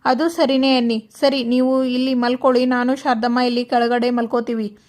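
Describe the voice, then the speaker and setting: A woman's voice: fairly high pitch, flat delivery, normal speed, darkish tone, close to an everyday voice. A woman voicing a humble, polite young woman addressing her elder. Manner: polite, deferential.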